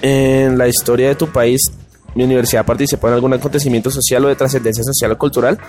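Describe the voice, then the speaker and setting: Young man, mid-pitched voice, casual tentative interview answer, soft music. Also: level tone, fast talker. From Colombia. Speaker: psychology graduate.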